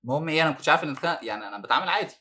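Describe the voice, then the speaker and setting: Egyptian man guest, rapid, bright and forceful delivery, animated storyteller who laughs through hard memories. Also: fairly high pitch. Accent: Egyptian Arabic. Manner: animated, laughs while recounting hardship. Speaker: former detainee guest. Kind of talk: podcast interview storytelling.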